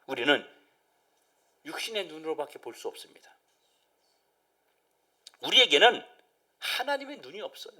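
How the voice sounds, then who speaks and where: Animated high-voiced Korean pastor preaching. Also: male voice, normal speed, long pauses. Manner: animated, acts out crowd voices, drops to near-whisper. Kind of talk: Wednesday service sermon.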